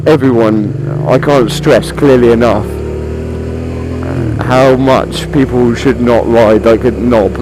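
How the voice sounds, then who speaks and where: A man's voice: mid-range voice, steady tone, takes it slowly. British man chatting inside a motorcycle helmet, noisy. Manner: chatty, rambling, informal with mild swearing. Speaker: motorcycle vlogger. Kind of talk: casual motovlog chat to the viewer while riding. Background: motorcycle and vehicle noise.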